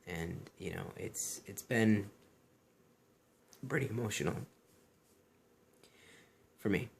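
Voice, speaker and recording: A man talking casually and earnestly in a personal vlog, repeating himself and often saying "you know". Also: low voice.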